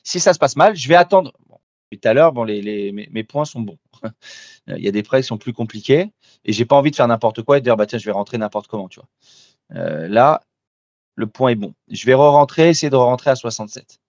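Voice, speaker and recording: A man's voice: mid-range voice, lively intonation, brisk, a little mellow, no room sound, studio quality. A man doing live trading commentary, talking informally and directly to the listener with frequent restarts. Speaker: trader presenting a live trading demo.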